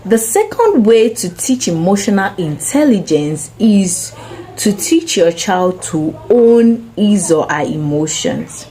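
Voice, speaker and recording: A young woman hosting a parenting channel, giving earnest, gentle advice straight to parents. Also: mid-range voice, very animated, takes it slowly, low-quality recording. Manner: earnest, gentle and advising, addressing parents directly. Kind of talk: spoken parenting advice to camera.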